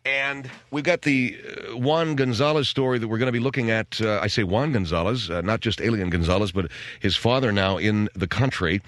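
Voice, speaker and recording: Low-ish and fairly bright, this American man's voice moves at a fairly quick clip as he hosts loose, rambling talk radio, sardonic and grumbly with a wry edge. He speaks into a close mic in a radio studio, and there's no echo.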